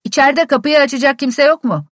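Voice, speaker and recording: Brief: polite gentleman tenant in a storybook, played by a woman, animated, dry close sound. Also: a little high, a little fast, no echo, voice pushed up. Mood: polite, indignant.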